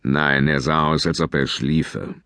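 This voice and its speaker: A man voicing a gruff, grumbling father giant in a children's audiobook, growling his words low and heavy. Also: flat delivery, unhurried, pushed and bright, no room sound, clean studio sound, full character voice.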